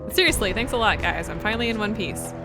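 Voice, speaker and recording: A woman reading the lines of a cheerful young male skeleton in a video game, in a relaxed, friendly tone. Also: medium pitch, fast talker, creaky, loud music behind the voice. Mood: grateful.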